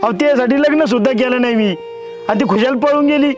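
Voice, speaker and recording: A man's voice: extremely high pitch, a little fast, over music. An actor playing a remorseful village father whose daughter eloped, pleading in rustic speech.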